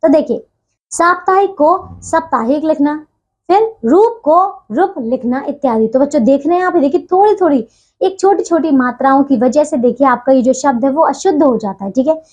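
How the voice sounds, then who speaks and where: Woman teacher w/ a high voice, slow patient explaining to little kids, keeps checking in. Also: dark tone. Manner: patient, repeats words and checks with "theek hai". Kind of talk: Hindi grammar lesson for children.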